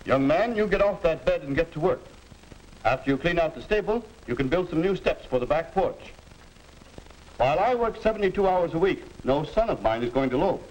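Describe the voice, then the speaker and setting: A man's voice: fairly high pitch, animated, fairly quick, darkish tone, lightly acted, rough recording. An actor playing a strict, hardworking old-time father who gives orders to his son, in 1950s educational film style. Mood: stern, scolding. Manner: commanding, gruffly strict.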